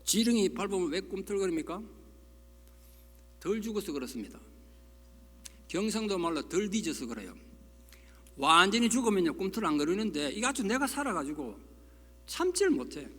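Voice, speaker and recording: A man's voice: high voice, fairly bright tone. A middle-aged male pastor, preaching a folksy, emphatic sermon full of rhetorical questions. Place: church sanctuary. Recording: long reverb of a church hall.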